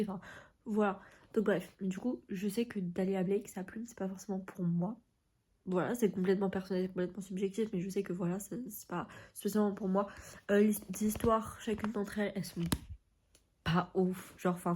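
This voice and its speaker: A woman's voice: medium pitch, warm tone, slightly rough. A woman chatting casually in a reading vlog, informal and rambling, with a stuffy, nasal voice as if sick with a cold. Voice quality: nasal, congested voice from being ill. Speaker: book vlogger.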